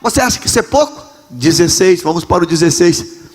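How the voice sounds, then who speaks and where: A man's voice: high voice, animated, brisk. Impassioned preaching man, reverberant church. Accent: Rio de Janeiro Brazilian Portuguese. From Brazil. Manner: impassioned, often shouting and repeating phrases. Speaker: pastor. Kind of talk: Pentecostal sermon. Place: large church sanctuary.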